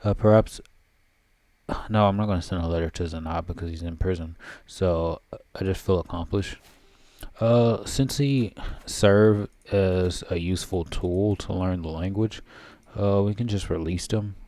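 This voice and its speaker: A man's voice: sits low, measured pace, mellow. A man giving casual let's-play commentary, thinking aloud and reading game text as he plays. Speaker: gameplay commentator.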